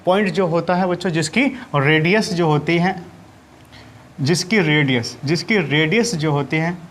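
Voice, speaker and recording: A man's voice: a little high, measured pace, a little hiss or hum. A man teaching maths to schoolchildren in Hindi-accented speech, who asks questions, answers them himself and keeps repeating his points. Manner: often calls students "children". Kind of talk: classroom lesson to children.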